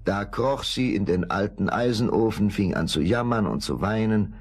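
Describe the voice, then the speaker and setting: Deep gravelly fairy-tale narrator, a man. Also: normal speed. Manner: expressive fairy-tale storytelling. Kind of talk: storytelling narration.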